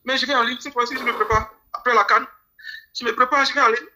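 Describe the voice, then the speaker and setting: Grieving man from Cameroon, pleading, fast and bright interview voice. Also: very high voice, steady tone, a little hiss or hum. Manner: pleading, repeats phrases. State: grieving, near tears. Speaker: interview guest. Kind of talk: emotional interview testimony.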